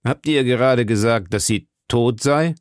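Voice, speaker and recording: A man voicing a powerful, scheming old cardinal who speaks slowly and probingly. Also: medium pitch, smooth, no room sound, studio quality, close to an everyday voice. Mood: startled. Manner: slow, measured, probing.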